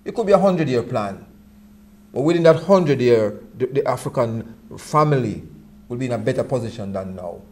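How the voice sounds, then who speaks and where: A man's voice: mid-range voice, lively intonation, brisk, a little mellow. A man in casual Rastafari reasoning, using Rasta speech and repeating small words before landing each point. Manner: stammering repetition of words before making a point.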